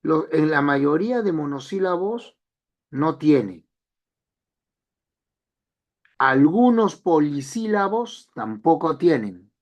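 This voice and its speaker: A man's voice: a little high, big pitch swings, slow, highs cut off. A man teaching an online language class, explaining step by step and repeating key phrases.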